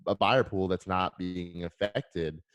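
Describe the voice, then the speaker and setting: A man talking as a real estate agent over an internet call, his voice speeding up and slowing down as the connection lags, with halting, filler-heavy talk. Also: low-pitched, steady tone, clean tone, no room sound. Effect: internet call audio speeding up and slowing down. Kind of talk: remote call-in chat on a radio show. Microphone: internet call line.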